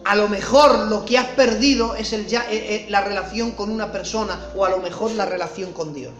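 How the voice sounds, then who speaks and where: A man preaching a sermon with passion, swinging from loud cries to hushed tones. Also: high-pitched, reverberant.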